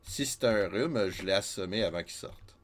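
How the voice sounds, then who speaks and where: A man's voice: on the low side, animated, normal speed. Chatty Québécois man streaming a game. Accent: Québécois French. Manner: chatty, self-mocking, laughs often. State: slightly stuffy from a cold. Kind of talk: casual game commentary.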